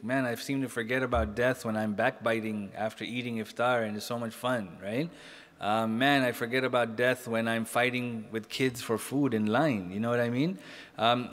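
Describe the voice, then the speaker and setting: A middle-aged man delivers a sermon in a relaxed, conversational way, often turning to the listeners for agreement. His voice sits at a medium pitch. It rings out with a long reverb, as if in a large hall. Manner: casual, talks directly to the audience with frequent "right?" and "you know?". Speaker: sheikh giving a religious lecture. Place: mosque hall, indoors.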